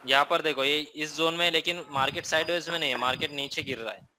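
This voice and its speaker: A man's voice: on the high side, fast talker, pushed and bright, slight background noise, low-quality recording. A man with an Indian accent teaching a live trading class, explaining casually and often checking in with listeners.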